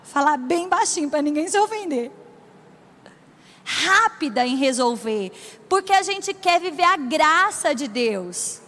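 A Brazilian woman with a very high, light voice, preaching with warmth and emphasis. She keeps drawing her listeners in with call-and-response. Her words ring out in a long hall reverb. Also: very animated, a little slow. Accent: Brazilian Portuguese. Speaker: preacher at a women's gathering. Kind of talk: sermon.

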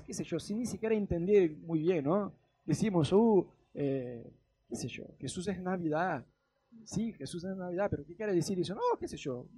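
A young man with an Argentine accent preaching a casual, humorous sermon, acting out Bible scenes with quick voices. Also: sits high, darkish tone, breathy edge. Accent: Argentine Spanish.

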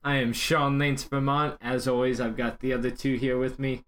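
A man hosts a casual gaming talk show with a joking, bantering manner. His voice sits at an ordinary middle pitch, with a faint noise behind it. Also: flat delivery, moderate pace, fairly bright tone. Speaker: podcast host.

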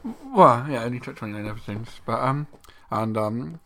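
A man's voice: medium pitch, lively intonation, moderate pace, a bit bright. Man, dry wit, casual podcast co-host, um-heavy speech. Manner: dry humour, filler-heavy. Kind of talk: casual chat.

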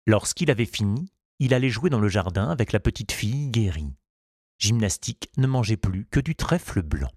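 A man reading a children's storybook aloud in a measured, unhurried way. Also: on the low side, expressive, darkish tone, no room sound, studio quality. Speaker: narrator.

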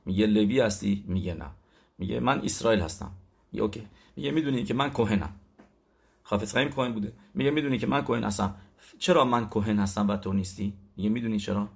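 A man's voice: fairly low pitch, vocal fry, breathy edge. Storytelling man giving a Torah talk. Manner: storytelling, with loud emphatic bursts; self-correcting, searching for words. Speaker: religious teacher. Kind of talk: weekly Torah talk with retold stories.

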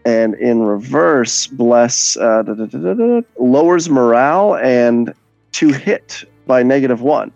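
A man's voice: medium pitch, animated, a little slow, gravelly, darkish tone, dry recording, dull audio, soft background music. A man playing a tabletop role-playing game, talking through his spell and its rules with a wry edge. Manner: wry, explains rules at length. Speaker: player. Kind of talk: casual tabletop game talk.

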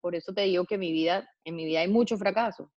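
Woman guest talking slow and thoughtful, lots of ems and restarts, dry kinda muffled sound. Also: fairly low pitch, no echo. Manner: hesitant, many fillers and restarts, slow thoughtful phrasing. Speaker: interview guest, public figure. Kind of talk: reflective interview answers.

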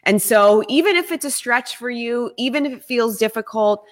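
Earnest woman co-host making a pitch. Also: expressive, normal speed. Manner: earnest, persuasive, sales-minded. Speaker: podcast co-host. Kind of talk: casual promotional chat.

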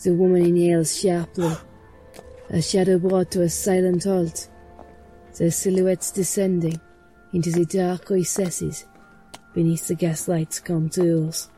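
A woman reading a scripted first-person story in a hushed, measured way. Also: fairly low pitch, little pitch movement, faint music behind, rough recording.

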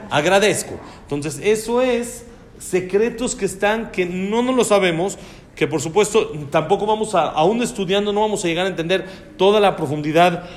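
A man's voice: high-pitched, slight background noise. A man teaching a religious lesson on prayer, posing questions and answering them himself. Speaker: Torah teacher.

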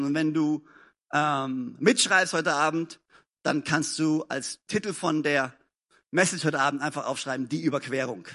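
A man with a high voice and a bright tone preaches an evening sermon to a church congregation. He talks emphatically, repeating short phrases, and he swings from loud calls to quiet, intimate passages. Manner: admits to stumbling over sentences and grammar. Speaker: pastor. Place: church service.

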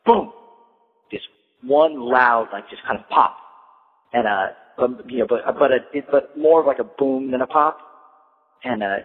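A man's voice: mid-range voice, a little slow, long pauses, long reverb tail. Casual male storyteller, loose and rambling, heard through a tinny phone-like line. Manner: rambling, full of "like" and "you know". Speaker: storyteller recounting a trip.

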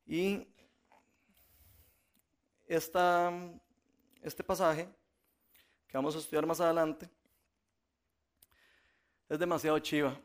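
A man preaching a sermon, telling stories in a relaxed, conversational way and often laughing. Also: a little high.

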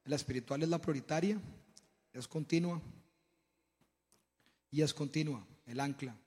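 A church speaker gives a sermon-style testimony to a congregation, telling stories animatedly while often stumbling and repeating words. His voice sits on the high side, unhurried and darkish, with a big-room sound.

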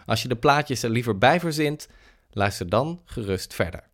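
A male radio presenter announcing clearly and matter-of-factly. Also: mid-range voice, expressive, normal speed, a bit bright.

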